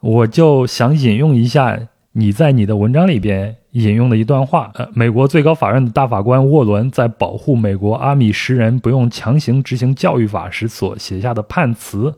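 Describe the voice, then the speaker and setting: A man hosting a podcast interview, putting measured, deliberate questions to his guest and reading a quotation aloud. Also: medium pitch, mellow. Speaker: podcast host.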